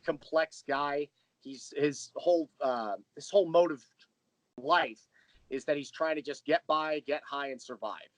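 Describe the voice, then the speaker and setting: As the guest in a casual interview, a man who creates and writes audio dramas explains his creative work in a thoughtful, rambling, storyteller's way. His voice is a little high and fairly bright, and the audio is poor, with no room sound.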